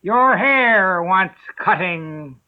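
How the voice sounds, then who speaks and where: A man's voice: sits high, lively intonation, extremely slow, voice pushed up, full character voice. A man voicing the Hatter, an eccentric, rude, riddling man, with an abrupt, theatrical delivery. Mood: excitable. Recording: narrow phone-like sound.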